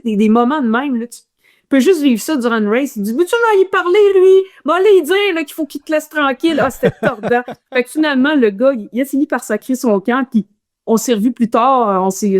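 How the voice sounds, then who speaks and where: Her voice sits a little high, and her accent is Quebec French. She's a runner sharing a guest's stories in a casual interview, speaking animatedly with plenty of restarts.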